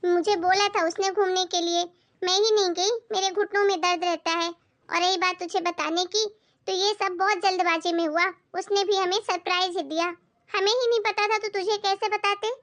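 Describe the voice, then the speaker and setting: A woman voicing a patient, doting older mother-in-law in an animated family skit, speaking in a soothing way. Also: very high voice, normal speed. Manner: soothing, calming her angry daughter.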